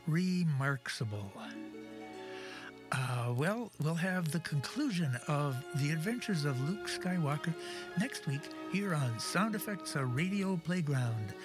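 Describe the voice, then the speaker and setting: A man's voice: on the high side, lively intonation, slow pace, poor audio. A man presenting as the host of a radio show. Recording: clear music behind the voice.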